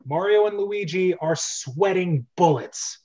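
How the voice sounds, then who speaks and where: A man narrates a script read-through, casually reading stage directions haltingly and correcting his own misreadings. His voice is high-pitched with a dark tone.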